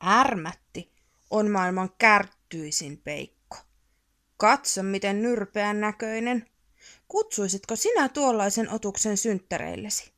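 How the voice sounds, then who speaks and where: A woman reading a picture book aloud as a bedtime story, expressive and playful. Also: mid-range voice.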